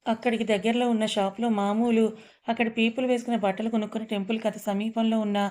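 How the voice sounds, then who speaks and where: Woman storyteller, storybook narration, even, monotone pitch. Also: fast talker.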